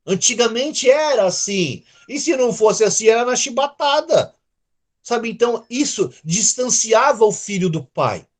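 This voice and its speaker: Male pastor, high and very animated voice, chatty sermon delivery with restarts and quoted prayers. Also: unhurried. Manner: conversational preaching, acting out quoted prayers; repeats words and restarts often.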